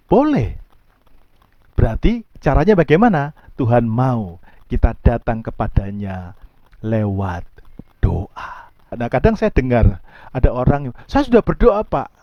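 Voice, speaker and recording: A male pastor preaching a sermon, emphatic, dropping to soft low asides and rising to high pleading outbursts. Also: no echo, dull audio.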